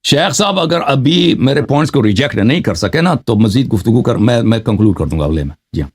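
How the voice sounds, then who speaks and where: Husky man firing back in a debate. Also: mid-range voice, lively intonation. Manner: challenging, insistent retorts. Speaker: debater, Shia scholar. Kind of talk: live religious debate.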